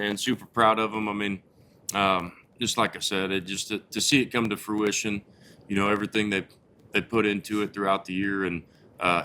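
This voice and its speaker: A man with a low, fairly level voice speaks as a head coach in a post-game interview. He is earnest and halting, restarting phrases as he gathers his thoughts. A faint rumble sits behind him. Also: bright, forceful tone.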